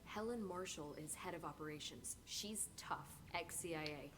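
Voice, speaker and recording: An actress playing an eager young female research scientist in a game, talking earnestly and a little haltingly. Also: low-pitched, noisy background, lightly acted. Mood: briefing. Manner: earnest, chatty, slightly halting.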